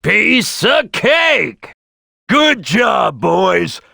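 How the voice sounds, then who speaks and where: A man's voice: sits high, big pitch swings, drawn-out words, creaky, bright, forceful tone, dry recording, shouting, studio quality, full character voice. A man voicing a brash, bossy crocodile detective in a video game, boisterous and cocky, with a streetwise, barking delivery. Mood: rowdy, fired-up. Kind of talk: animated video game character acting.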